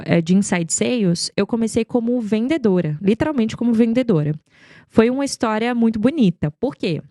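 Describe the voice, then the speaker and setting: In clean studio sound with no echo, a woman with a fairly high but darkish voice tells stories as an interview guest. She's a marketing executive from Goiânia, Brazil, chatty and emphatic in this conversational podcast, frequently posing rhetorical questions.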